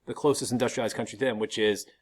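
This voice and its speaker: A man's voice: lowish voice, fairly even intonation, racing. A middle-aged American man teaching history in an informal video lecture, explaining things in a colloquial way with casual asides.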